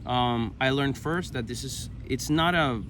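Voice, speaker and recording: An interview guest from Venezuela, a man in his thirties with a Venezuelan Spanish accent, tells his own story conversationally, haltingly searching for words. His voice is medium-pitched, and the background is noisy.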